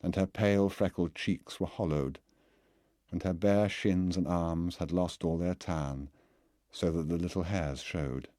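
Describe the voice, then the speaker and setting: A man reading a literary novel aloud as an audiobook narrator, in a measured, deliberate way. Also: low-pitched, fairly even intonation, warm tone, dry recording, studio quality.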